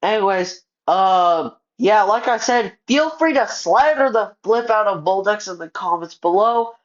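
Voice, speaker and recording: A man's voice: sits high, animated, a little slow. A man, a gaming YouTuber, ranting in casual commentary, frustrated, filling his talk with "like" and stumbling over words as he restarts them. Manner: frustrated, heavy on filler words. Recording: muffled lo-fi audio.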